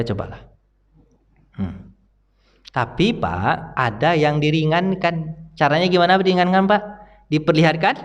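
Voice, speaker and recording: A middle-aged man with a medium-pitched voice delivers a study sermon as an Islamic preacher in a large mosque hall. His style is chatty and conversational, and he frequently puts questions to the congregation.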